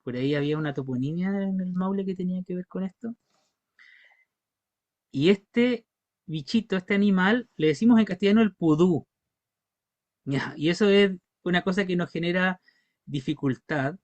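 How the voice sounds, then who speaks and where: A man's voice: fairly high pitch, a little mellow, no echo. A man with a Chilean accent teaching an online language class, patiently repeating words for pronunciation. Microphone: video call. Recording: dull, dry video call audio.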